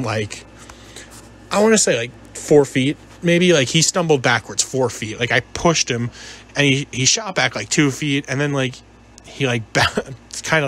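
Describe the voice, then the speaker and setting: A man's voice: medium pitch, a bit bright. A man telling a personal story in a casual, rambling, conversational way, often hesitating and repeating himself. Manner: hesitant, repetitive, conversational, quotes dialogue. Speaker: gaming video narrator telling a personal story.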